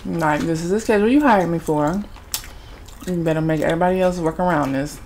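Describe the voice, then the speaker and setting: A woman, chatting casually with her mouth full and chewing, relaxed and blunt, humming with enjoyment between bites. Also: fairly low pitch, a little fast, a little hiss or hum. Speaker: vlogger. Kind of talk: casual rambling chat while eating.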